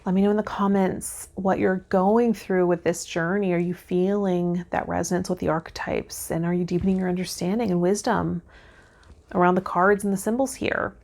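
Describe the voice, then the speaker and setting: A woman with a lowish, gravelly, slightly mellow voice speaks at a moderate pace with fairly even intonation. She hosts a spiritual vlog as a tarot reader and healer, offering guidance straight to her viewers, partly reading aloud and partly chatting casually.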